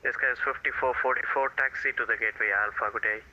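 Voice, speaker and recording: A man's voice: medium pitch, steady tone, quick pace. A man working as an air traffic controller, giving clipped procedural instructions over the radio. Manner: clipped aviation phrases. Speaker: air traffic controller in online flight simulation. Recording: band-limited, tinny radio channel.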